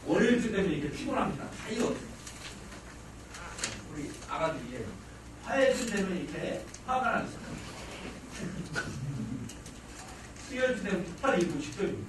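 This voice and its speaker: A man in his forties giving a lively parenting lecture to an audience, acting out family dialogue and joking with the room. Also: high voice, normal speed, pauses often. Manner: animated, acts out family dialogue, jokes with the audience. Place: lecture hall. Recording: echoey hall, distant mic, noisy.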